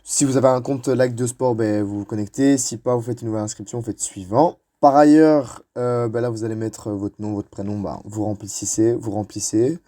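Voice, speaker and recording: Hesitant young man, mellow voice. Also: medium pitch, fairly even intonation, moderate pace, few pauses. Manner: hesitant, many fillers and restarts. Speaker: YouTuber. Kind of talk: screen-recorded tutorial narration.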